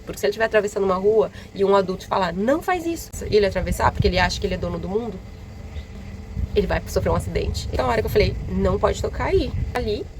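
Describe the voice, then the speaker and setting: Fast-talking Brazilian woman vlogger. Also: mid-range voice, low-quality recording. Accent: Brazilian Portuguese. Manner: indignant, animated retelling with quoted dialogue. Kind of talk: casual storytelling vlog. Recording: loud vehicle noise behind.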